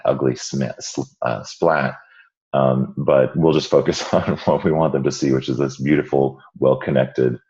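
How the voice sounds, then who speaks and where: A man hosting an informal online tutorial, explaining in a halting way with a hoarse, croaky frog voice from a cold. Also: extremely low pitch, a little mellow, muffled recording. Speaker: webinar host and instructor. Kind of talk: informal screen-share tutorial.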